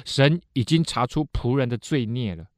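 A man hosting a radio Bible program, retelling stories in a lively, conversational way. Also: mid-range voice, moderate pace, dry recording, studio quality. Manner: animated, dramatizing, conversational.

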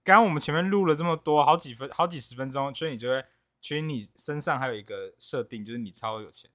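Casting note: quick, bright male comedy podcast host, jokey and teasing, dry close sound. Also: mid-range voice, no room sound. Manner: jokey, teasing, laughs often.

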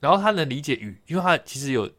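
A man's voice: a little high, big pitch swings, rapid-fire, fairly bright tone. A young man with a Taiwanese Mandarin accent, co-hosting a casual podcast chat, telling stories and reading out dictionary entries. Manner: chatty storyteller, reads out dictionary entries. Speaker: podcast co-host.

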